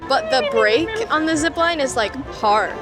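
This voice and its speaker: A young woman talks casually, dropping "like" all through her speech. She speaks as the family's daughter recounting the day. Loud music plays over her voice. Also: sits high, lively intonation, a little slow, over a noisy crowd. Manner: casual, lots of "like" fillers. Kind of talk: casual chat.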